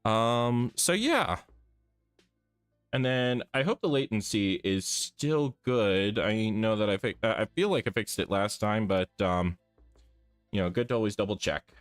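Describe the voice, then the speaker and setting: A man's voice: on the low side, expressive, measured pace, smooth, no room sound, clean studio sound, faint music behind. A tired man with his voice a bit off, chatting casually with viewers while he draws on a live stream. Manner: chatty, thinks aloud while drawing. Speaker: art streamer.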